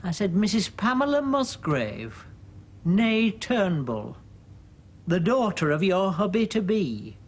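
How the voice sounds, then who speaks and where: A man's voice: on the high side, lively intonation, normal speed, slightly rough. A middle-aged man, delivering a dry, prim dramatic monologue. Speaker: monologue narrator.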